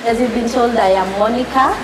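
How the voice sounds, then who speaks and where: A woman's voice: a little high, a little fast, music in the background. A woman with a Kenyan accent giving casual interview answers as a guest. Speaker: guest, porridge seller. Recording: echoey room, crowd chatter behind.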